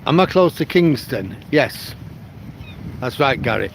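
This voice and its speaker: In his casual walking livestream, a vlogger from Manchester, England, talks with viewers and addresses their comments by name as he moves along a riverside promenade. His accent is a mixed northern English one, and his mid-range voice has lively intonation, vocal fry and an unhurried pace, with a little hiss or hum.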